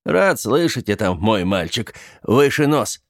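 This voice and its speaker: A man's voice: on the low side, very animated, unhurried. A man voicing a bearded uncle from a vampire family, hearty and demanding. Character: bearded older vampire uncle, brusque and jovial.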